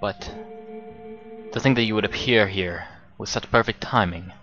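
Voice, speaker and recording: A man's voice: on the low side, moderate pace, muffled recording, music in the background, natural voice. A man voicing a polite, bookish young male scholar in a put-on British accent, formal and eager. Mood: curious.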